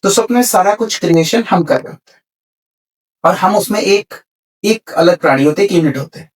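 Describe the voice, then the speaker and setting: On a podcast, a spiritual speaker explains spiritual ideas in conversation, his voice high-pitched, animated and fairly quick, picked up by a distant mic. He repeats key words and mixes in English terms.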